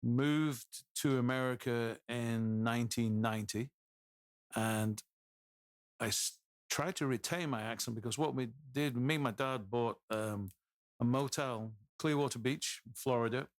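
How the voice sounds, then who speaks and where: A man in his fifties from England, with an English accent, is a guest on a casual storytelling podcast interview. He tells anecdotes loosely and ramblingly, with many restarts, in a mid-range voice at a measured pace. The audio is studio quality, with no room sound.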